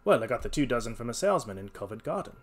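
A man's voice: mid-range voice, very animated, very fast. A man voicing an obliging inn landlord in a storybook reading, with a folksy, apologetic manner.

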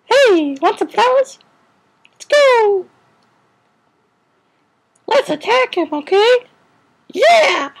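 A man voicing a tiny, giddy, childlike creature with excitable squeals in an amateur game cartoon. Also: very high voice, extremely slow, long pauses, voice pushed up, exaggerated voice. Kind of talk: amateur game-animation character acting.

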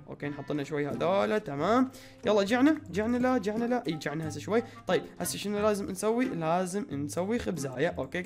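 A man with an Iraqi accent giving excitable let's-play commentary, exclaiming and repeating words as he plays. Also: a little high, gravelly. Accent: Iraqi Arabic. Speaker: gaming channel host.

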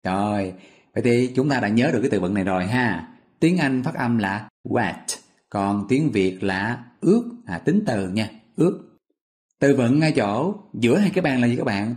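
A man's voice: medium pitch, animated, normal speed, a little mellow. A man teaching vocabulary, patiently explaining memory tricks step by step and quizzing his listeners. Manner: patient, repetitive, asks listeners questions.

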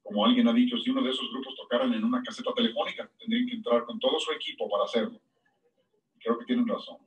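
A man preaching a sermon, with sudden high-pitched emphasis on key words. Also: expressive, fast, far from the mic, rough recording. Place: church.

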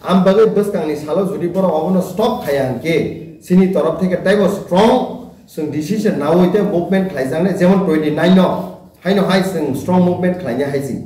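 A man's voice: sits high, fairly quick, warm tone, recorded from a distance. A young man from Tripura speaking as a student leader at a press conference, declaring his position firmly and slipping English phrases into his speech. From Tripura, India. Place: indoor office room, seated at a table. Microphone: table mics in front, far camera. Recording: echoey room, voice a bit off-mic.

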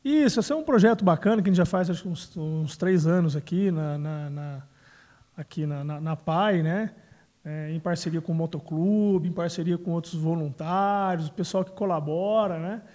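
A man's voice: fairly high pitch, moderate pace, warm tone. A man, answering interview questions into a handheld microphone, often adding tag words. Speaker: city council president. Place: indoors, small room.

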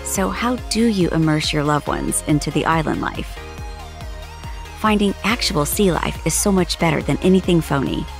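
A woman's voice: sits low, lively intonation, normal speed, creaky, faint music behind. A middle-aged woman giving a cheerful, conversational voice-over for a sailing travel vlog. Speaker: vlogger narrating a sailing trip. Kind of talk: scripted voice-over narration.

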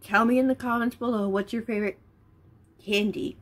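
A woman's voice: on the high side, steady tone, brisk. Young woman chatting while eating sour candy. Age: young adult. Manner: eating sour candy, talking between bites. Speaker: vlogger. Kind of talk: casual chat to camera. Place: small bedroom, indoors.

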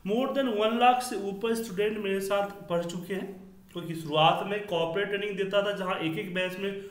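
A man's voice: sits high, normal speed. Man's voice with a heavy echo. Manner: self-assured, explaining. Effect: heavy echo on his voice. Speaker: computer trainer. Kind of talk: online class on a call. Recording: echoey room over a call.

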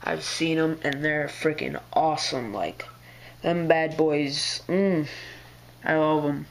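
Sick and strained in the throat, a man posts a casual video update about his aquarium, rambling laid-back with lots of fillers and slang. His voice is on the high side, slow and creaky, with a little hiss or hum in the audio.

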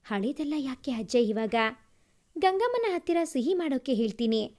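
A woman voicing a grieving but steady young woman, speaking earnestly in a story reading. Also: sits high, moderate pace. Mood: tender.

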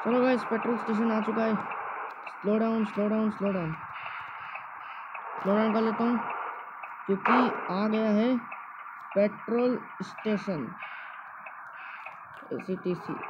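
A high-voiced man with an Indian accent hosts a video with casual live gameplay commentary, often repeating phrases and mixing in English words. The highs are cut off, and it is a noisy amateur screen recording with ambient sound.

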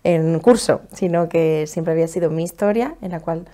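A woman in her thirties from La Mancha, Spain, gives a personal account of her relationship during an interview in her living room at home. Her deep voice has a dark tone, and she speaks in a thoughtful, measured way with some humming pauses.

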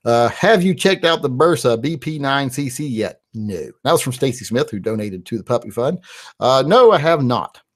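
His voice sits at a medium pitch, animated and at an ordinary pace. He's a West Virginian man in his forties hosting a live-stream Q&A, meandering through answers to viewers with frequent "uh"s. The setup is a small home studio, a large studio mic on a boom, and headphones.

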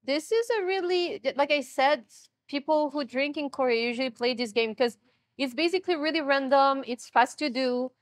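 A woman's voice: high-pitched, normal speed, no room sound, studio quality. A young woman hosting a casual eating video in a restaurant, teasing her friend playfully and laughing often. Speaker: mukbang host. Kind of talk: casual chat while eating.

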